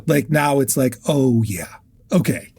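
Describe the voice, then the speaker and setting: In a mid-range, gravelly, husky voice that's a little mellow, a podcast co-host speaks expressively at a measured pace. He discusses books casually and shares facts from his research, often breaking off to restart or fix what he's saying.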